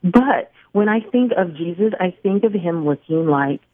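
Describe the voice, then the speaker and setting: A woman from Barbados calls in to a radio talk show and speaks in a thoughtful, measured way. Her voice sits low for a woman. It comes through a tinny, narrow phone line. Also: animated, no room sound. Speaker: caller.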